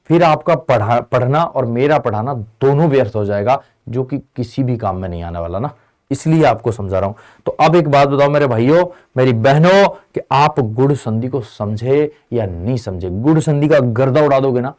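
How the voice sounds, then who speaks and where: A man's voice: medium pitch, moderate pace. Chatty man teaching a lesson. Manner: lively, chatty, keeps asking students if they follow. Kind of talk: classroom lesson.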